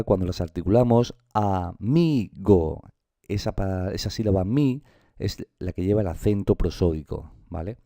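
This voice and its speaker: A man gives a patient grammar lesson in a dark, mellow, somewhat low voice. He checks in often with his listeners and drags out example words slowly to show where the stress falls. The sound is dry and close, with little room echo. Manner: patient, explains step by step with frequent "¿vale?". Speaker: language teacher. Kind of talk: classroom explanation to camera.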